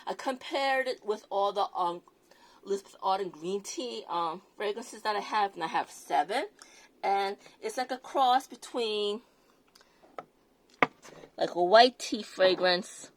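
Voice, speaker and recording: Speaking in a mid-range, unhurried voice with a non-native English accent, a woman reviews a perfume in a casual product vlog. Her delivery is hesitant, full of fillers and restarts.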